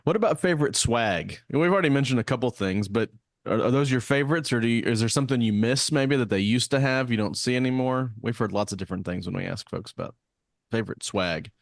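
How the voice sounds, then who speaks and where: A man's voice: medium pitch, fast, vocal fry, no echo. A man hosting a casual podcast chat, friendly and often restarting his words. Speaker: podcast host.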